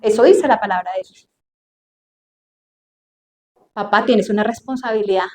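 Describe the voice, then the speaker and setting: A woman's voice: medium pitch, unhurried. A woman preaching a sermon to a congregation, emphatic and drawn out, with questions thrown to the listeners. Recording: echoey room, faint noise.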